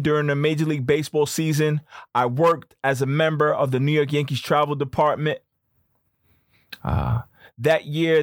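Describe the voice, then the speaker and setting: A young man hosting a podcast, telling a story in a casual, slangy, animated way. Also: fairly high pitch, no room sound, studio quality. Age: young adult. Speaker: podcast host.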